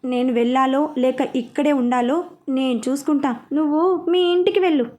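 A woman voicing a blunt, gruff young man who speaks curtly and dismissively. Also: sits high, moderate pace, darkish tone, close to an everyday voice. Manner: curt, dismissive.

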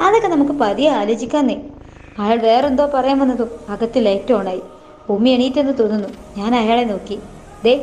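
A woman reading a novel aloud in the first person, voicing every part herself in a plain, unhurried way. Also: high-pitched, dark tone, slight background noise. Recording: dull lo-fi voice with faint music.

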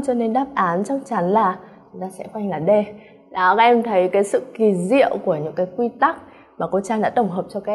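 A lively Vietnamese woman with a slightly high, husky voice teaches English in an online exam-prep lesson. She's animated, keeps checking in with her students, and refers to herself by name in the third person.

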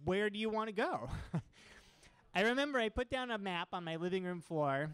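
A man's voice: high voice, a bit bright, clean tone, no room sound. A young man from Oregon giving an enthusiastic talk with slides to a seated audience in a small crowded room, speaking into a handheld microphone. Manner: enthusiastic, gestures with his free hand while talking. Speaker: guest speaker.

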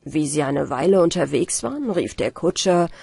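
A woman narrating a fairy tale as an audiobook for falling asleep, in a calm, measured storytelling manner. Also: low-pitched, gravelly, husky, dry recording. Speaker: audiobook reader.

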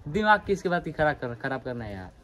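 A man's voice: fairly high pitch, very animated, quick pace, crowd noise. Defensive man, voices in background. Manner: defensive, keeps denying blame. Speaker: friend helping with pigeons. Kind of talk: casual argument.

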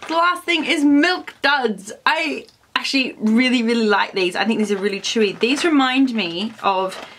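Chatty Australian woman, slightly high voice. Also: moderate pace, a bit bright, slight background noise. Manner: chatty, enthusiastic, lots of "like" fillers. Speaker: food vlogger. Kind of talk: casual taste-test vlog. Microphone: camera on tripod.

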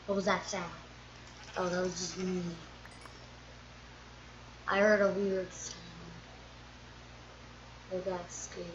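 A woman's voice: lowish voice, level tone, slow pace, long pauses. A woman casually commenting to herself while playing a survival game, muttering as she goes. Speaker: gameplay streamer. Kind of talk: casual let's-play commentary. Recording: dull lo-fi recording with faint noise.

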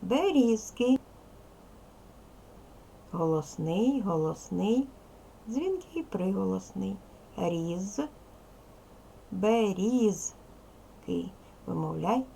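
Recorded roughly with a little hiss or hum, a female primary teacher leads young learners through a video language lesson, pronouncing sounds with great care and giving instructions and questions. Her voice is low-pitched and a little mellow, with vocal fry.

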